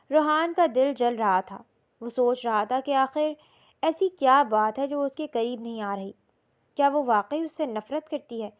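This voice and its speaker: Woman narrating an audio novel. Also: a little high. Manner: slow, emotional storytelling. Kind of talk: scripted narration of a romance novel.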